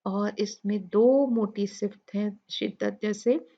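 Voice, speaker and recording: A woman with a Pakistani Urdu accent teaching Quran recitation rules, patiently repeating sounds slowly to demonstrate them. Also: medium pitch, fairly even intonation, dark tone. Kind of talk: tajweed lesson explaining recitation rules. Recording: dull lo-fi recording.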